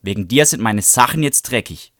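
A man reading aloud, voicing a bratty, hot-tempered schoolboy bully with snarling, shouted insults. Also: lowish voice, animated, moderate pace, no echo, clean studio sound. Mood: angry.

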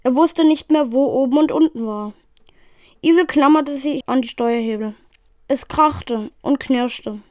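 A woman reading an adventure novel aloud in a steady storytelling manner. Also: high voice, a little slow, dry recording, studio quality. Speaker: reader.

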